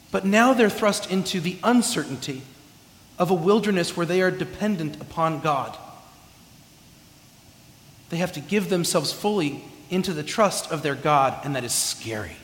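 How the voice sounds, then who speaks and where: Unhurried and pausing often, a Californian preacher with an expressive, high-ish voice delivers a chatty sermon, joking at his own expense and restarting phrases. The church sanctuary gives it an echoey reverb.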